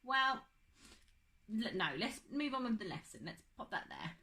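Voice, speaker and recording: A woman's voice: fairly high pitch, expressive, normal speed, bright, forceful tone, a little hiss or hum. A young woman teaching a phonics lesson to children, patient and drawing out her words.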